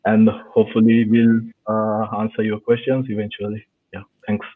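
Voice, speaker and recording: A man's voice: lowish voice, completely flat delivery, moderate pace. A man from Sri Lanka, a master's student, introducing himself hesitantly on a video call. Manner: hesitant, many fillers. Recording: tinny phone-like call audio.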